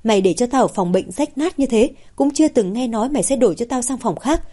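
A woman's voice: a little high, animated, quick pace, warm tone. A woman voicing a domineering older mother who scolds and wails. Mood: scolding. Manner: wailing, scolding.

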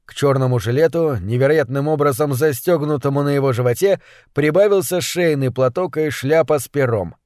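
An audiobook narrator with a fairly high voice reads a novel in scripted, even, measured storytelling. The recording is studio quality with no room sound.

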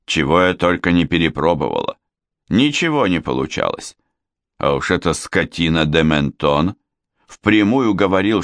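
Casting note: a bitter, snappish older Frenchwoman villain, read by a man with a low, lively voice in a dry booth. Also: dry recording, exaggerated voice. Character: vengeful scheming older Frenchwoman, spiteful. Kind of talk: audiobook character voice.

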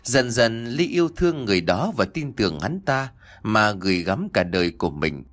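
A male audiobook narrator telling a dramatic tale. His voice is low yet swings widely in pitch, reading with expressive, emotive delivery. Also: moderate pace.

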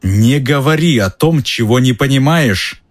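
A venomous, sneering male schoolmaster, put on by a man narrating a story. He hisses his threats in a husky, lowish voice. He bursts into shouting when he is crossed. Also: animated, a little slow. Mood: shouting rage.

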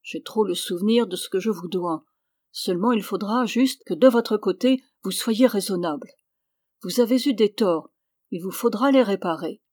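A woman's voice: medium pitch, moderate pace, darkish tone, no room sound, natural voice. Brief: woman reading a heavy-set middle-aged male master, commanding, voice rising, dry close sound. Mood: placating. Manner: commanding, raised voice. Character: stout middle-aged male master, anxious then furious.

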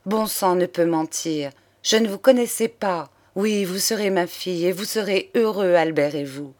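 A woman reading the lines of an elderly count, a grieving but energetic aristocratic father who speaks earnestly and tenderly in an audiobook of a crime novel. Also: fairly low pitch, moderate pace, natural voice. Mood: fatherly. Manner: earnest, paternal, exclamatory.

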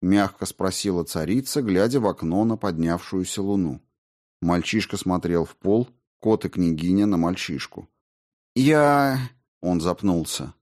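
A man narrating a fantasy audiobook in a steady, expressive storytelling manner. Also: sits low, moderate pace. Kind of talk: scripted narration.

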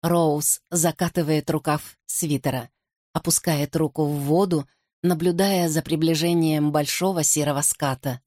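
A woman reading a first-person audiobook narration in a measured, composed manner. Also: low-pitched, fairly even intonation, a little mellow, dry recording, clean studio sound.

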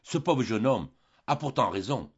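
A man's voice: medium pitch, lively intonation, measured pace, husky, dull audio. A man voicing a timid, tender-hearted young woman who speaks in a pleading way, in an audiobook.

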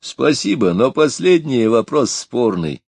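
A man voicing an older, sober, apologetic gentleman, in an audiobook. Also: mid-range voice, sing-song, a little slow, husky, no room sound, voice pushed up, heavily acted. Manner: polite, apologetic. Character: older sober polite male guest, apologetic.

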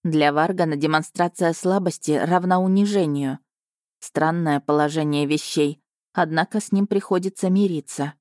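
A woman narrating a first-person fantasy novel in an even, measured storytelling way. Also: low-pitched, no echo, studio quality. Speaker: audiobook narrator.

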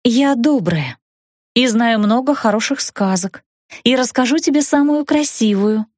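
A woman voicing a cautious, quietly sly young widow in an audiobook, speaking carefully. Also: fairly high pitch, animated, unhurried, no echo, clean studio sound, pitched above the performer's own voice. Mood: coaxing. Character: cautious, wry young widow in a dark cave. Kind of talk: audiobook narration.

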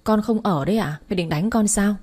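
A woman's voice: mid-range voice, a little fast, a little mellow, husky, natural voice. A woman voicing a spirited young mother in a story, pert and a little defiant.

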